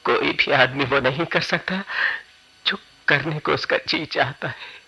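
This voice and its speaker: An actor playing a gentle, humble wandering fakir in an old radio drama, speaking tenderly and with remorse, with a husky voice. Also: male voice, a little high, a little slow, exaggerated voice, rough recording. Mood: remorseful. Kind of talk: 1970s radio drama acting.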